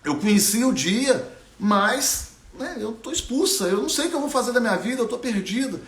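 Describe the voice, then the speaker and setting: A man's voice: very high voice, lively intonation, brisk, fairly bright tone, echoey room, voice pushed up, exaggerated voice. A man voicing a stubborn young female bird who insists on what she saw, pleading and insistent. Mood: distraught.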